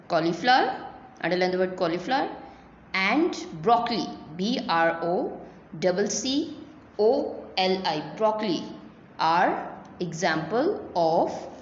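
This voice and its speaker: A woman teacher talks very slowly to young children and spells each word out letter by letter. Her voice rings in a small room with a long echo. The recording sounds dull and carries a faint hum. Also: medium pitch. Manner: slow, spelling words letter by letter.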